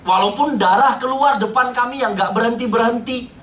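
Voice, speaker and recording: A middle-aged man giving an emotional church testimony, speaking straight to the congregation and sometimes dropping to a hush. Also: extremely high pitch, moderate pace, slight background noise. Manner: impassioned, addresses the congregation directly, drops to hushed tones. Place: church hall. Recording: roomy hall, voice from far off.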